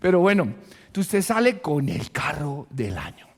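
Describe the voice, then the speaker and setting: A Colombian man preaching a sermon as pastor, animated and joking, often laughing, in a church. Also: on the high side, normal speed. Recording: long reverb of a church hall.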